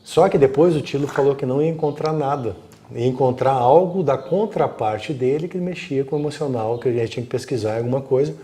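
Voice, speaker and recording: A man's voice: mid-range voice, a little fast. A man with a Brazilian Portuguese accent telling a story in casual live-stream talk, acting out the dialogue in it. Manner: animated, acts out quoted dialogue. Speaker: guest storyteller.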